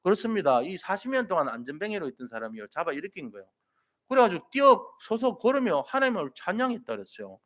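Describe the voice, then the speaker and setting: A man's voice: high voice, fast talker. A man preaching a Sunday sermon in a church sanctuary, retelling scripture stories in plain everyday speech. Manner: colloquial storytelling, retells scripture scenes in lively everyday speech. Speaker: pastor.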